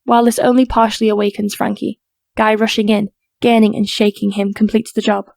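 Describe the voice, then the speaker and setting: A woman narrating an audiobook crime drama in a steady, even reading voice. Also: mid-range voice, a little fast, vocal fry, no room sound. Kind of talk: scripted narration.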